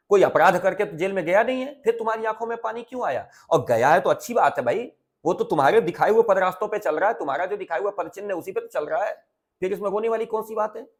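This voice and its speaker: A man teaching a Hindi poem to students line by line, expressive and full of rhetorical questions, glossing each word again and again. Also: high voice.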